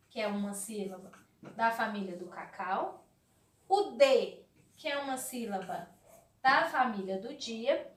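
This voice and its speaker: A woman's voice: fairly high pitch, fairly bright tone, roomy sound. A woman teaching a literacy lesson to young children with a Brazilian Portuguese accent, speaking in a sing-song way and answering her own questions. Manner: sing-song, slow and drawn out, asks questions and answers them herself. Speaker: primary school teacher.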